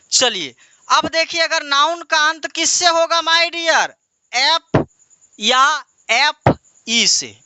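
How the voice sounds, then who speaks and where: A man's voice: very high voice, bright, forceful tone, no room sound. A man teaching an English grammar lesson, asking questions and answering them himself and repeating key words. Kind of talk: classroom lesson.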